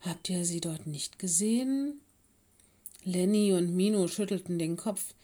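A woman voicing a caring, busy fox headmistress and mother in a children's audiobook, brisk and motherly. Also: lowish voice, dark tone. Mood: chatty. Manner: brisk and motherly, stern with helpers.

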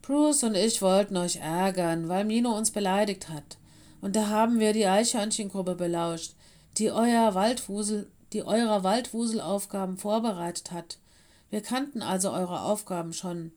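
A woman's voice: medium pitch, moderate pace, a little mellow, lightly acted. A woman reading an audiobook, voicing a scared young male ice wolf who stammers and pleads through sobs. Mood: tearful pleading. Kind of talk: audiobook character voice.

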